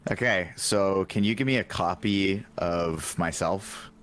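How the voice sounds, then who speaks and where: A man's voice: deep voice, measured pace, fairly bright tone. A man playing a tabletop game, rambling as he describes his moves. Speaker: player. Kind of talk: casual tabletop game talk.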